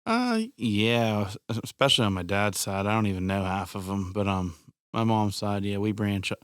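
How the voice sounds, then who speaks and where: A man's voice: on the low side, lively intonation, normal speed, a bit bright, smooth, no room sound, clean studio sound. A man on a casual podcast chat, plain-spoken and opinionated.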